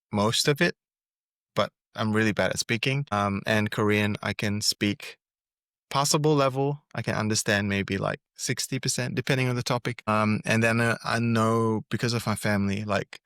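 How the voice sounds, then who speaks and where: A Singaporean musician, guesting on an interview while recording remotely from Seoul, answers in an easygoing, hesitant manner and keeps restarting phrases. His voice is lowish with a fairly bright tone, captured as clean studio sound with no room noise.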